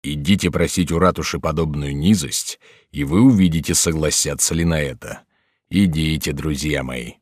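Man reading polite French officer, calm, dryly ironic, deep low voice, dry close sound. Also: normal speed, no echo. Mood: quiet, wry.

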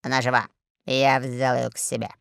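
Woman putting on a loud pompous space admiral, blustering, low voice, storybook reading. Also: level tone, normal speed, vocal fry, smooth, dry recording, clean studio sound. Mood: nervous, reporting. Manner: shouting, pompous.

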